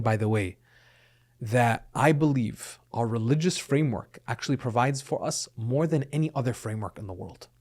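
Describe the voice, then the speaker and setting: A man's voice: mid-range voice, darkish tone, slightly rough. A middle-aged man, raised in Lebanon and the United States, speaking as a guest in a podcast interview. He explains his points earnestly and often checks in with "right?".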